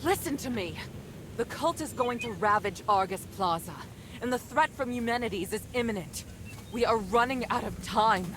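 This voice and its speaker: A woman's voice: fairly high pitch, lively intonation, moderate pace, noisy background, close to an everyday voice. A woman voicing an earnest, defiant noble mistress in a dramatic video game, speaking formally and urgently. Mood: urgent pleading.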